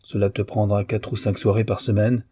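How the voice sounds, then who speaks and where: A man's voice: fairly low pitch, flat delivery, a little fast, dark tone, slightly rough, no echo, clean studio sound. A man voicing a wry, teasing male doctor who banters with a clever young man. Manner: bantering, ironic.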